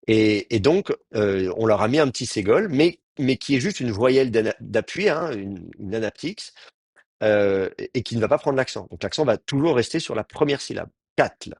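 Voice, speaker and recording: A man's voice: lowish voice, animated, normal speed, darkish tone, breathy edge, no room sound, clean studio sound. A man teaching a grammar class, explaining patiently and often restarting his sentences. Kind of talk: Hebrew grammar lecture.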